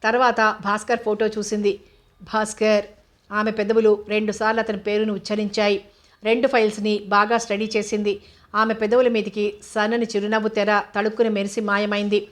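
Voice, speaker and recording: Woman narrating a novel in a flat tone. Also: medium pitch, brisk. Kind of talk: scripted audiobook narration of a novel.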